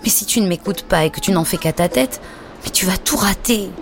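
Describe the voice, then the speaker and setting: A woman voicing a gentle, mysterious young mother who speaks tenderly and in hushed tones, with music underneath. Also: mid-range voice, brisk, voice pushed up, natural voice. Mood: pleading.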